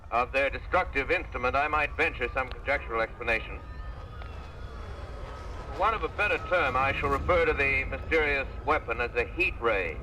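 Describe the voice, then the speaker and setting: An actor playing a learned, sober scientist in a radio drama, speaking in a formal, measured, scholarly way. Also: male voice, medium pitch, bright, forceful tone, slight background noise, rough recording. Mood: sober conjecture. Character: learned scientist soberly theorizing about invading creatures. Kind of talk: old radio drama narration.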